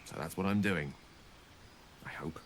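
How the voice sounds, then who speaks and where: A male actor voices a wistful, self-deprecating wizard in a video game, using a refined British accent and a theatrical, wordy manner. His deep voice moves at a measured pace with a warm, reflective mood, and the recording carries a little hiss or hum.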